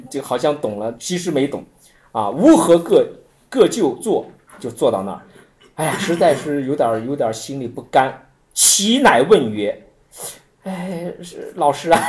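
Man teaching Buddhism, informal talk, animated storytelling, lively swinging pitch, repeats himself a lot. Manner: animated storytelling with frequent repetitions and acted-out quotes.

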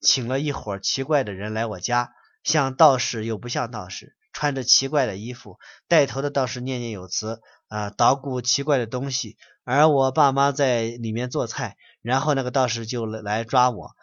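A man's voice: medium pitch, normal speed, fairly bright tone, no echo. Scolding male Buddhist preacher, muffled. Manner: scolding, blunt and colloquial. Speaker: Buddhist lecturer. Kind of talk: reading out a letter and preaching on it. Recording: dull, muffled dry recording.

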